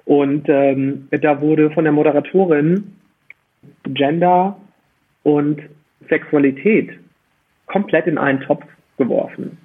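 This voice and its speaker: A man appearing as a podcast guest lays out his views with emphasis and clarity, throwing in rhetorical questions during a conversational interview. His voice is mid-range with a breathy edge, heard through a muffled, phone-like, band-limited line.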